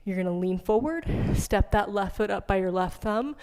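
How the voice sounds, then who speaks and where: A woman's voice: medium pitch, lively intonation, moderate pace, a little mellow, smooth. A woman teaching a yoga class, giving casual, chatty cues and asides while breathing hard. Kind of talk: guided yoga class instruction.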